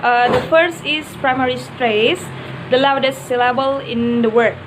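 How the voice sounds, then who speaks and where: A young woman with a high voice presents a lesson slowly, her first language Indonesian. She pauses often with "uh" between points. A faint hiss of background noise sits under the recording. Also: steady tone. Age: young adult. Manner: hesitant, many "uh" fillers. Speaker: student presenter. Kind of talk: class video presentation.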